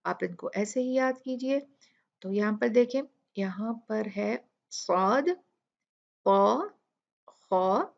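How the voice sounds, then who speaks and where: A woman teaches tajweed in a slow, unhurried way, drawing out each example. She explains patiently, step by step. The sound is a little dull and lo-fi. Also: medium pitch, gravelly, darkish tone. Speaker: Quran recitation teacher. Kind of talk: tajweed tutorial with recited examples.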